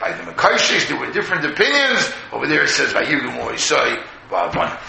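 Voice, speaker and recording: A man with a sharp, forceful voice delivers a rabbinic sermon in a very reverberant room. His pitch moves up and down in an animated way as he tells stories and poses questions, sprinkling in Hebrew terms. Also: a little fast, creaky. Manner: storytelling, rhetorical questions, voices imagined speakers, repeats phrases; mixes English with Hebrew and Yiddish terms. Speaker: rabbi giving a Torah talk. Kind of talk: sermon, Torah lecture. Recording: echoey room, faint noise.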